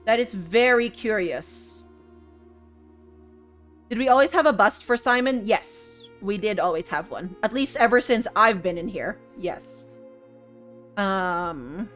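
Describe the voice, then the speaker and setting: Sleepy lady streamer slowly talking thru a puzzle game, soft music underneath. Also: medium pitch, lively intonation. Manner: musing, chatty, addresses viewers as friends. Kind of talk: casual gameplay commentary.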